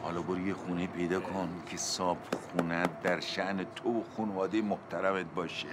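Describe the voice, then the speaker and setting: A middle-aged actor playing a pushy, sweet-talking landlord in a TV drama. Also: male voice, sits low, little pitch movement, close to an everyday voice. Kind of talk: TV drama acting. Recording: noisy background.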